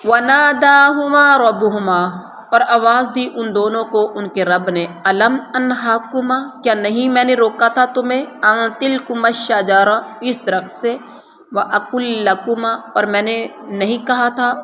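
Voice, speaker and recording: A woman with a Pakistani Urdu accent teaching a Quran lesson, reciting verses slowly and then explaining each one in plain conversational words. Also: on the high side, steady tone, fairly bright tone, long reverb tail, slight background noise. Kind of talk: word-by-word translation lesson. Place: room with noise heard from outside.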